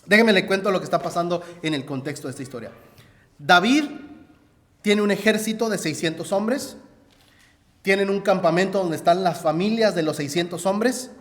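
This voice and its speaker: A man's voice: high voice, normal speed, a bit bright. A man preaching a sermon, telling a story and speaking straight to his listeners. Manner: storytelling, addresses listeners directly. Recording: echoey hall reverb.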